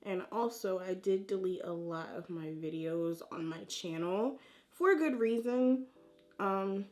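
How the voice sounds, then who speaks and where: A woman's voice: medium pitch, measured pace, darkish tone. A woman chatting informally and slangily to her viewers as she applies her makeup, in the style of a beauty vlog tutorial. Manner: informal and slangy, talking to viewers like friends while applying makeup. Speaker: beauty vlogger.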